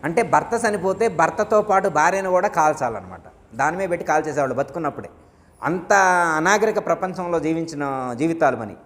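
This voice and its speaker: A man's voice: fairly high pitch, animated, fairly quick. A man, a guru, giving a devotional discourse to his disciples, telling stories and asking his listeners questions. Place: ashram hall. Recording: long hall reverb.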